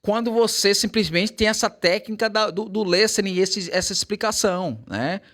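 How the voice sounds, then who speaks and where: A man teaching English to Portuguese speakers in a casual chat, slowing down to model English words carefully. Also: sits high. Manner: animated, switches to slow careful English examples.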